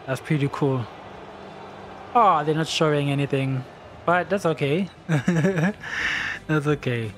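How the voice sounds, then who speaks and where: A man giving casual gameplay commentary, excitable, laughing often and shouting at big plays. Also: on the high side, slow, pauses often, slight background noise. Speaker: gaming channel host.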